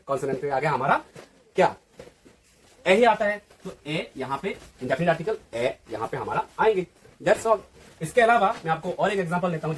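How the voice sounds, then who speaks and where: A man with a slightly raised pitch and a husky edge gives a grammar lesson. He teaches step by step, asking the viewer a question and then answering it himself. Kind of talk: classroom-style lesson.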